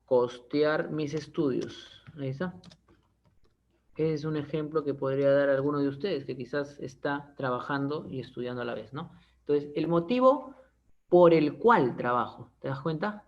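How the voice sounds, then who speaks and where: A male teacher explains grammar in an online class, checking in often with quick tags and joking everyday examples. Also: on the high side. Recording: dull lo-fi online class audio.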